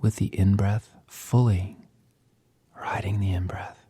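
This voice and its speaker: A man leading a guided breathing meditation in a soft, gentle, half-whispered voice, leaving pauses between short phrases. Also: deep voice, fairly even intonation, husky.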